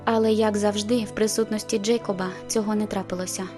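A woman narrating a novel in the first person, in a measured, intimate storytelling manner. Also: mid-range voice, flat delivery, over music. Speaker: audiobook narrator.

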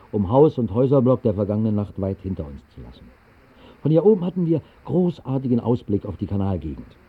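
An actor narrates a 1960s radio drama in the role of a whimsical bohemian drinker, telling his tale in a wry, literary style. His voice is low-ish and husky, and the recording is a tinny, band-limited 1960s radio broadcast.

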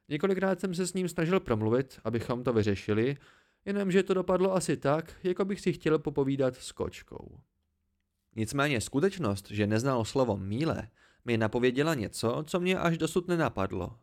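A man with a gravelly, creaky voice reads an audiobook aloud. He tells the story calmly in the first person, at a middle pitch. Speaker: audiobook reader. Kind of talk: amateur audiobook narration.

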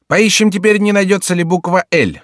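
A male narrator voicing a mocking, sharp-tongued court jester who teases with theatrical, mock-pious glee. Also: high voice, brisk, no room sound, studio quality, voice pushed up, lightly acted.

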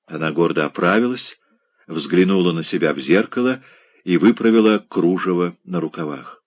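A man narrating a classic novel as an audiobook, in a measured literary reading. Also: low voice. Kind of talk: scripted narration.

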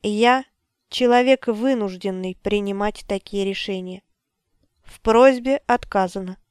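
A woman's voice: fairly high pitch, a little mellow, clean tone, dry recording, studio quality, lightly acted. Woman voicing a cold, stern male wizard. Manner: firm, measured, unbending.

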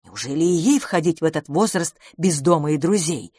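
A woman narrating an audiobook in an expressive, lively reading style. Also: low voice, brisk, breathy edge, dry recording, clean studio sound. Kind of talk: scripted narration.

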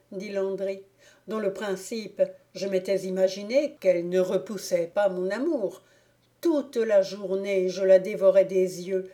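A woman's voice: mid-range voice, dark tone, natural voice. A woman voicing a young, lovesick miller's lad who pleads and despairs, in an audiobook reading. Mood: wistful. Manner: plaintive, impassioned pleading.

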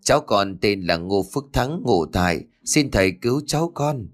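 A man's voice: fairly low pitch, expressive, moderate pace, faint music behind. A man voicing a desperate, tearful elderly woman's ghost who begs for help in a storybook reading. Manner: begging, tearful.

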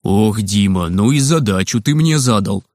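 A man voicing a calm, dryly amused father in a storybook reading. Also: lowish voice, normal speed, dry recording, clean studio sound, voice pushed down, natural voice. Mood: weary. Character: calm wry father, dry and patient.

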